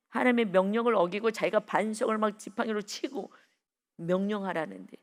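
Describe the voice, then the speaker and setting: A middle-aged woman preaching an early-morning sermon, emphatic and repetitive, rising to loud exhortations. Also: mid-range voice. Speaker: pastor.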